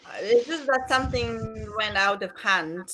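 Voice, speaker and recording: A woman's voice: fairly high pitch, measured pace, noisy background. Hesitant woman from Bulgaria, English. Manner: hesitant, unsure, non-native phrasing. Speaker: listener guest. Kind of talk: casual chat.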